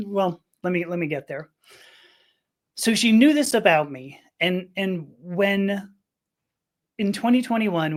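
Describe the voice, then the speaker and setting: A middle-aged woman from Los Angeles, a podcast guest telling a personal story in a rambling, emotional way with restarts and laughter. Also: on the low side. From Los Angeles, USA.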